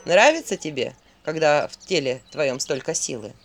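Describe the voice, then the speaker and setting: A woman's voice: sits low, big pitch swings, brisk, voice pushed down. Filin, a woman doing a sly male owl. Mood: teasing.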